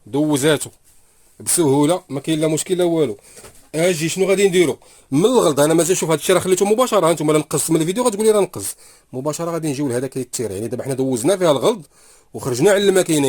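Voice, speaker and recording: Fairly high in pitch with a darkish tone, this Moroccan-accented man talks viewers through a sewing machine in his workshop while he sews. He keeps saying "here you go brothers" in this casual demonstration. A phone camera held close captures him, with slight background noise.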